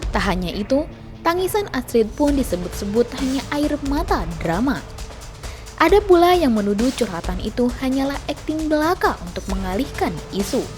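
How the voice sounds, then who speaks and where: A woman's voice: sits high, big pitch swings, normal speed. A woman narrating celebrity news from a script in a dramatic style. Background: background music.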